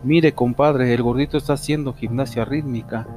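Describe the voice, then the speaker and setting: A man's voice: medium pitch, steady tone, normal speed, lightly acted. A man voicing sneering male alley cats who taunt and mock, in a storybook reading. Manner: mocking, taunting. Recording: music under the reading.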